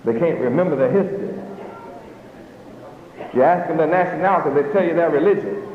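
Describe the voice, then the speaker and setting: A man preaching a fiery sermon to a gathered audience, pressing his points with rhetorical questions and bursts of shouting. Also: on the high side, brisk. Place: hall with a live audience. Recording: echoey hall, dull lo-fi, noisy.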